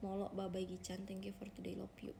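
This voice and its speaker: A woman's voice: medium pitch, monotone, brisk, creaky, warm tone, a little hiss or hum. A young woman hosting a casual livestream, chatting with her viewers and calling them guys. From Indonesia. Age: young adult. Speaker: idol livestreamer.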